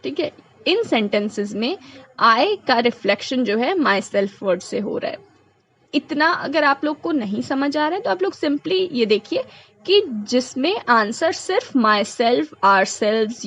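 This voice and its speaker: A woman's voice: fairly high pitch, lively intonation, fairly bright tone, poor audio. A woman teacher, working through a grammar lesson step by step and answering her own questions. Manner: reads English sentences slowly, explains in quick Hindi.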